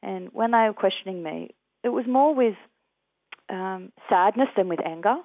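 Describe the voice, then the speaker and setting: An Australian man, a guest in an interview, telling his experiences in an earnest, measured way. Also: high-pitched, no room sound. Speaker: guest, peace activist. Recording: tinny dry phone line.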